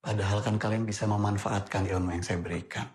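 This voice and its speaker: An actor playing a stern, controlling male religious teacher at a boarding school, speaking in a cold, measured, authoritative way. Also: on the low side, steady tone, darkish tone, lightly acted. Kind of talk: film drama.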